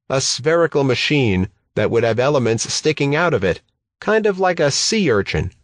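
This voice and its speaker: A man reading a first-person audiobook in a steady, measured way. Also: fairly low pitch, no echo. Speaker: audiobook narrator.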